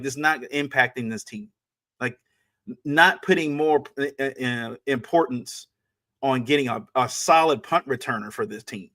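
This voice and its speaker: A man co-hosting a sports talk podcast at a mid-range pitch. He speaks casually but with emphasis, driving his points home through repetition. He often stops and restarts his sentences. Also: a bit bright.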